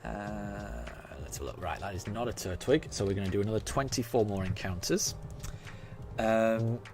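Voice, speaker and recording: Animated and moderately paced, this low-ish voice belongs to a Yorkshire-born game streamer in his forties whose accent has faded. He hesitantly chats with his live-stream viewers as he plays, stumbling through ums and restarts, with game music behind him.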